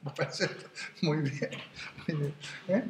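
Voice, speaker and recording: A man lectures a classroom on philosophy, his voice set a little high for a man. He wanders into asides and keeps checking in with his listeners. The room rings with echo and a faint hiss sits underneath. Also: slow pace. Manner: digressive, questioning, many tag questions. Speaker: philosophy teacher. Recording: echoey room with faint noise.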